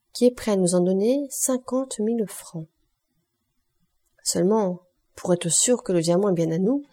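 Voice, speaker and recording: A woman reading a classic novel aloud as an audiobook, giving the figures' lines with small changes in loudness. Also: medium pitch. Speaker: audiobook reader. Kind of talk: scripted narration.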